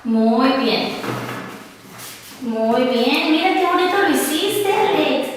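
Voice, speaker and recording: A woman's voice: high voice, slow, very echoey, long reverb tail, recorded from a distance, a little hiss or hum, rough recording. A woman working as a therapist, patiently coaching a child with short, repeated prompts and praise. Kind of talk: encouraging therapy session with a child.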